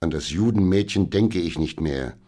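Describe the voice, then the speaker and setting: A man's voice: deep voice, normal speed, dark tone. A man voicing a proud young knight who speaks curtly and dismissively, in a storybook reading. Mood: irritable. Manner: curt, dismissive. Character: proud young male knight, curt and irritable.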